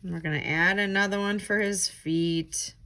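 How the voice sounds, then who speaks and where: At a moderate pace, with a sharp tone, medium pitch and fairly even intonation, a woman tutor guides children through a read-aloud craft. Her instructions are simple, encouraging and step by step.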